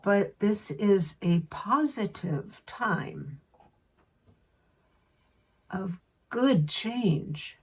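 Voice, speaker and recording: A woman channeling a spirit in slow, measured speech, with a husky voice. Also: mid-range voice, expressive, far from the mic. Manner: slow, measured, unhurried delivery.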